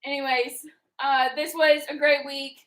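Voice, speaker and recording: A woman's voice: sits high, level tone, a little slow, a bit bright, echoey room. A woman co-hosting a casual book club chat in a playful, giggly way. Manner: playful, giggly, wraps up the show.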